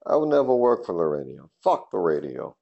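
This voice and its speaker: A man's voice: low voice, sing-song, brisk, vocal fry, muffled recording. A man hosting a casual solo podcast from his garage, rambling loosely with lots of fillers and casual swearing. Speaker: podcast host. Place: home garage.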